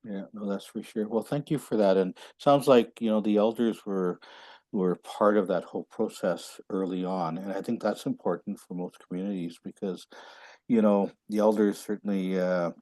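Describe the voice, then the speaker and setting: A man with a low, mellow voice moderates a panel over a video call, thanking each speaker in a gentle, affirming way. The sound is dry and close, with no room echo. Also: fairly even intonation, normal speed. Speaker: webinar moderator.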